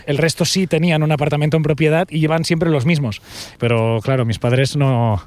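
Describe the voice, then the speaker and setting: A man's voice: on the high side, brisk, a little hiss or hum. A young man, telling stories in a casual chat and acting out the voices of the people in them. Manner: animated storyteller, acts out quoted voices. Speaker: podcast co-host. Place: walking outdoors up stairs.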